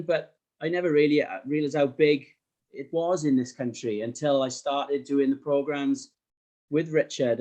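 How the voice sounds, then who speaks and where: A man's voice: mid-range voice, mellow. A middle-aged man with a South Wales Valleys accent, chatting casually in an interview in a modest, hesitant way. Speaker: podcast guest, sports graphic designer.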